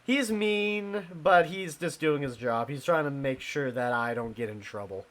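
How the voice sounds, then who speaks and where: A man's voice: a little high, fairly bright tone. A young man streaming a ghost-hunting game live, chatting casually with his viewers and laughing easily. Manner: chatty, talks to chat, quick laughs.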